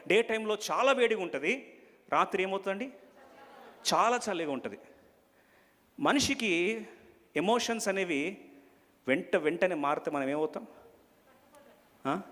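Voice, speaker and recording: A man preaching a sermon and questioning the congregation, switching between loud emphasis and soft asides. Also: sits high. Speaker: pastor. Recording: long hall reverb.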